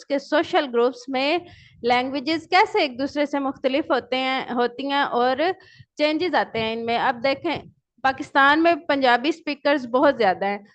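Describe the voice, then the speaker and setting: A woman lecturer giving an online class, who asks her students questions and answers them herself. She reads English definitions out slowly and explains them in Urdu. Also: high voice. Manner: switches between English and Urdu. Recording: dull lo-fi recording.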